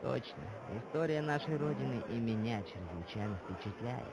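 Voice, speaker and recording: A man's voice: medium pitch, lively intonation, normal speed, heavy background noise, close to an everyday voice. A man acting a hearty patriotic comrade and admirer of Soviet glory, speaking emphatically in scripted dramatic dialogue. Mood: admiring, proud. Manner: emphatic, theatrical. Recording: crowd chatter behind the voice.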